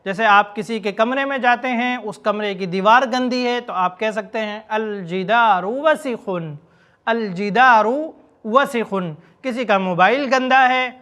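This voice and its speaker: A man teaching a spoken language lesson, explaining words quickly and then repeating example phrases slowly and deliberately. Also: high-pitched, bright, forceful tone, clean tone. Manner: slow, drawn-out repetition of example phrases. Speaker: Arabic teacher.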